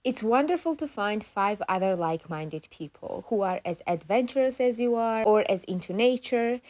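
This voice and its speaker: A woman's voice: mid-range voice, animated, moderate pace, a little mellow, a little hiss or hum. Chatty young woman travel vlogger. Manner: chatty, self-amused, laughs often. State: out of breath at times. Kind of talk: vlog narration and chat while hiking. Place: mountain trail outdoors and guest house.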